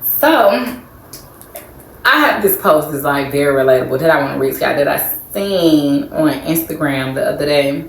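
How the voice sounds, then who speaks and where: A woman with a somewhat low voice co-hosting a casual podcast, musing reflectively with lots of fillers. Her voice sounds echoey, with faint ambience. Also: expressive, normal speed, creaky, a little hiss or hum. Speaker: podcast co-host. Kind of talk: casual chat.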